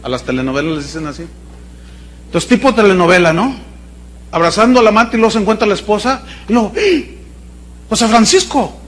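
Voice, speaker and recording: A man's voice: high-pitched, animated, fast talker, pauses often, slight background noise. A man with a Mexican accent preaching a sermon in a chatty, storytelling way, often checking in with his listeners. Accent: Mexican Spanish.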